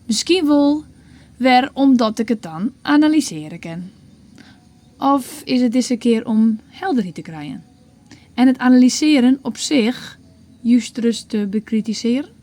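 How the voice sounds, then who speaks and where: A woman with a Frisian accent reading her own blog aloud in a reflective, measured way. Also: a little high, animated, warm tone. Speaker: blogger.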